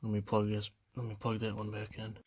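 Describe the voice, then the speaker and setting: A low, flat-voiced man vlogs a casual show-and-tell of his radio collection, speaking fairly quickly over a noisy background. He sounds unsure and hesitant, with many fillers and trailing phrases.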